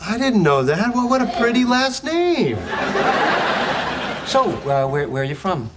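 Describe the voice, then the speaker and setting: A man's voice: very high voice, a little slow, exaggerated voice. An eager, stammering young man. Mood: excited. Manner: excited, stammering, loud. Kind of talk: sitcom acting. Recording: loud noisy TV clip audio.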